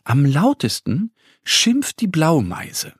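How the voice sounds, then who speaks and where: A man narrates a children's story slowly and gently. His pitch moves lively through each phrase, and his voice is slightly husky. The recording is close and dry. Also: no room sound.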